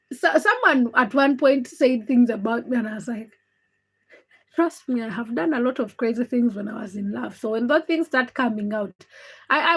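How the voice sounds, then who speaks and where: Heard through a low-quality recording, a young non-native English speaker from Uganda hosts a relaxed livestream, reading comments, chatting openly and calling viewers by name. Her voice is on the high side and husky.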